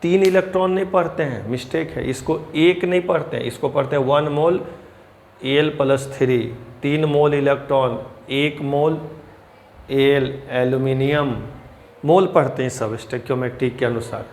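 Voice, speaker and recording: A man teaching chemistry, explaining step by step, addressing students as children and reading English terms slowly. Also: medium pitch, darkish tone, slight background noise. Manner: reads English question lines slowly and deliberately. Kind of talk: blackboard lecture.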